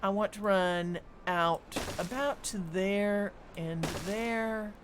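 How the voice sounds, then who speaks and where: Woman streamer, slow unhurried delivery, mid-pitched, musing aloud over gameplay with hums and ums. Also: background noise. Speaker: game streamer. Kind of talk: live gameplay commentary.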